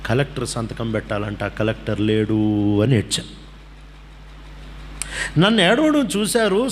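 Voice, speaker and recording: A man preaching a testimony, telling the story in an animated way and acting out the voices of the people in it. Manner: animated storyteller, acts out dialogue, pitch swings widely. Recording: long hall reverb with faint background hum.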